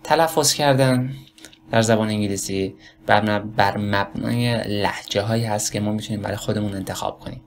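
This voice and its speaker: Slowly demonstrating words in a casual English pronunciation lesson, a Persian-accented man rambles and keeps correcting himself. He speaks in a lowish voice with a steady tone.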